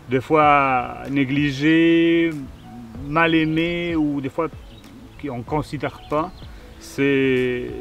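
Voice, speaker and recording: A man's voice: medium pitch, a bit bright. A man from Argentina, speaking as a visual artist in a documentary interview. He talks hesitantly, with many fillers and restarts. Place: outdoor garden. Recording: voice picked up from a distance, faint music.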